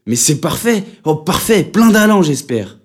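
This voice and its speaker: A man's voice: very animated, a little slow, heavily acted. A man voicing a pompous, fussy, patriotic older teacher in an audiobook reading. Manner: fussy, preening, shrill when roused.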